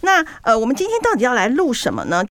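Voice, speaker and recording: A woman's voice: on the high side, huge pitch swings, quick pace, fairly bright tone, no echo. A woman with a Taiwanese Mandarin accent hosting a podcast in casual conversation, her voice slightly muffled and misty through a face mask, with audible breathing. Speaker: podcast host.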